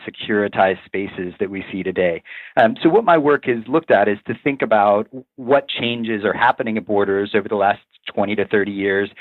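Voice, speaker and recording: A middle-aged man from Virginia, a professor giving measured, explanatory interview answers with frequent ums. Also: on the low side, dry recording. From Virginia, USA. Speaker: guest professor. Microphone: remote call line. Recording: tinny dry phone line.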